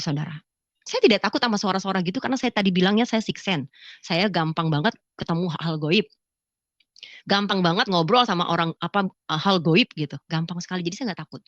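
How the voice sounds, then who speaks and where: Animated woman telling a testimony. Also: medium pitch, a little fast, no room sound, highs cut off. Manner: animated storyteller who acts out dialogue in a raised voice. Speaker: testimony speaker. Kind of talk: spoken religious testimony to an audience.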